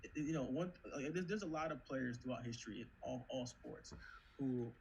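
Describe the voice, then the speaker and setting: A man in casual chat who gets animated fast, swearing and repeating himself as he rants. His talk is loose and full of laughs. A faint noise sits under the recording. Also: medium pitch, low-quality recording. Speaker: guest on a gaming league podcast.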